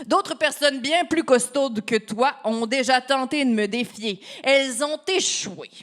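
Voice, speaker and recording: A woman's voice: sits high, measured pace, a bit bright. A woman voicing a huge, boastful male giant proud of his strength.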